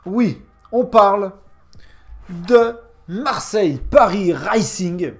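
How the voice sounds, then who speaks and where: A male gaming host with a notably high voice and animated, swooping intonation. He reviews in a casual, sarcastic way, leaning on slang and mocking emphasis. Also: very slow, faint music behind.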